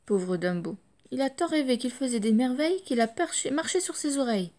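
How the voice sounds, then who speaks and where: A woman reading a children's storybook aloud, lively and expressive. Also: sits high, fast talker. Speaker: audiobook storyteller.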